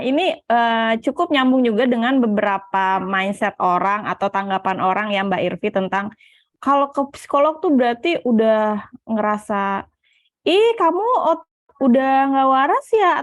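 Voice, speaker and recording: A woman's voice: a little high, dry recording, studio quality. A woman host moderating a Q&A, reading audience questions in a chatty, playful way. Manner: chatty, laughs lightly, playful. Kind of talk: casual Q&A moderation.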